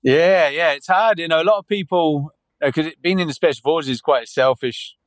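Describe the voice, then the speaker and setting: A man in his forties from the United Kingdom, speaking a little high at a moderate pace, rambles as a podcast guest in a casual interview. Restarts and fillers such as "yeah" and "you know" come up often. The audio is poor, with no echo.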